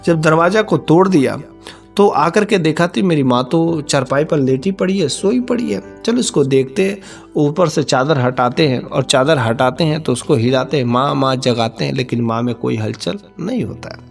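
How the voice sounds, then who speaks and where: A male storyteller tells a folk tale in a homespun way and often repeats himself. His voice is gravelly and sits a little high. Faint music plays underneath. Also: animated, moderate pace.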